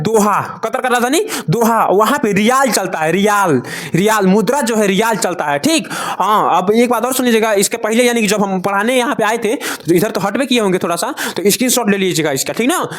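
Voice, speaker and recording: A man's voice: high-pitched, a bit bright. A male teacher gives a casual lesson, asking questions and repeating each answer, tripping now and then over foreign names. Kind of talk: casual classroom-style lesson.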